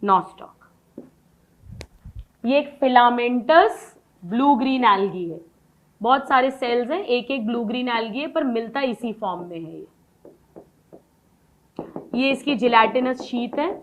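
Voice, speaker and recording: High-voiced woman teacher quizzing her class. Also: lively intonation, measured pace, pauses often, dull audio, slight background noise. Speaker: biology teacher. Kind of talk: classroom lecture, dictating notes.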